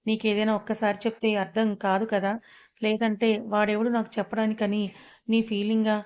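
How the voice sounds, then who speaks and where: A woman's voice: medium pitch, flat delivery, a little fast, darkish tone, close to an everyday voice. A stern, wounded young man speaks in curt, blunt lines, as a woman narrator puts him on. The delivery stays level, with little rise and fall. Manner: curt, scolding, then pained.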